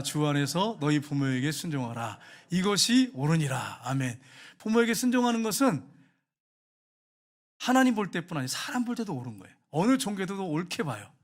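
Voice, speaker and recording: A middle-aged man preaching a sermon as pastor, telling a story and acting out quoted lines with sudden loud rises and hushed drops. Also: on the high side.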